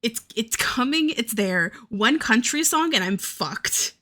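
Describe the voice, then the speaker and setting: A young Southern US woman rambles casually on a live stream while drawing, swearing and laughing often. Her voice is a little high, animated and bright, with a forceful tone, and she takes it slowly.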